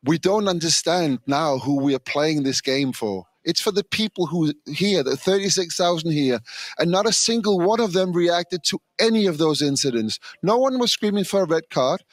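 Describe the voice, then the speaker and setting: A man's voice: a little high, expressive, normal speed, no echo. A man giving frustrated, emphatic opinions as a football pundit. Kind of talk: remote studio punditry.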